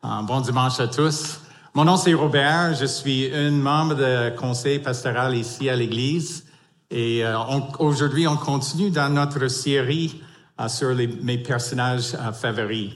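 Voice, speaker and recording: A man in his fifties whose first language is English, giving a church sermon with an English accent, halting with many fillers and restarts. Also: medium pitch, roomy sound. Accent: English-speaking, in French. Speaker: pastoral council member.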